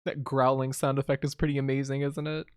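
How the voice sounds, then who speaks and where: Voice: medium pitch, flat delivery, a little fast, no room sound, studio quality. A video game streamer giving casual, wry, joking commentary on a playthrough.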